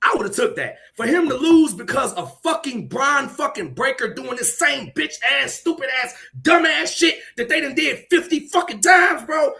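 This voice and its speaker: Loud, profane man ranting on a podcast. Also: very high-pitched, animated, normal speed, gravelly, few pauses. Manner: heated, profane ranting, often shouting; laughs between points. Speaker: podcast co-host. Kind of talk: casual chat.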